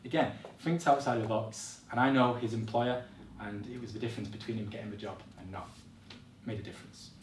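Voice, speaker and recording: A man's voice: lowish voice, fairly quick, recorded from a distance, slight background noise. Young male speaker, motivational classroom talk, direct and encouraging, mic set back in an echoey room. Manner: encouraging, direct, addresses audience as guys. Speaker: speaker giving a workshop talk. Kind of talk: motivational presentation to students. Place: college classroom or hall.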